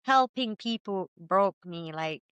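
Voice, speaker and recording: A woman in her thirties with a Jamaican accent, telling her story as a podcast guest in a lively, chatty way. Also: medium pitch, slow pace, smooth, dry recording, muffled recording. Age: 30s. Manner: lively, chatty, quotes herself often. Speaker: guest entrepreneur. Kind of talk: candid storytelling interview.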